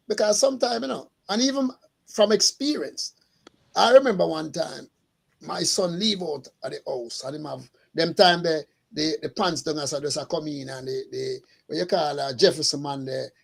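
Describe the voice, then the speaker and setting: A middle-aged man, his voice gravelly and husky, sitting a little high for a man. He tells stories with lots of animation and acts out every line of dialogue. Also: moderate pace. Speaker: school custodian. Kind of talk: casual panel chat.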